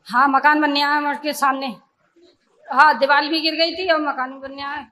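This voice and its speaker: A woman's voice: high-pitched, little pitch movement, moderate pace, bright, forceful tone. A woman from Uttar Pradesh calling in to an astrologer, mostly giving brief, agreeing answers. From India, Uttar Pradesh. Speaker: caller. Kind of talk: phone-in consultation.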